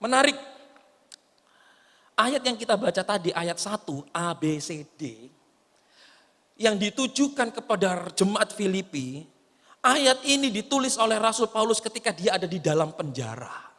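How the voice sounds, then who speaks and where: A male pastor preaches in a high, bright voice. He moves between loud, lively exclamations and soft, low asides. His voice carries the long reverb of a large church hall. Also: unhurried, long pauses. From Indonesia. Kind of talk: sermon.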